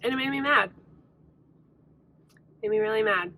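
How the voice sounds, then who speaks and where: A bright, fairly high-voiced woman chats casually on her book vlog. She talks bluntly and swears freely. A faint hiss sits behind her voice. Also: normal speed. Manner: frank, exasperated, swears freely. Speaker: book vlogger. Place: in a truck on a hot day.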